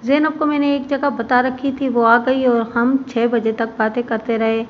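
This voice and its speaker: A woman's voice: a little high, fairly even intonation, moderate pace. Woman narrating a crime story. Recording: muffled with faint background hiss.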